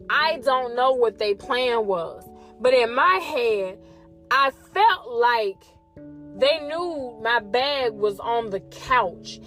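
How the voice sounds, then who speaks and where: A young woman host telling a story in a casual, animated way, swearing often and talking straight to her listeners. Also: fairly high pitch. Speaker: podcast host.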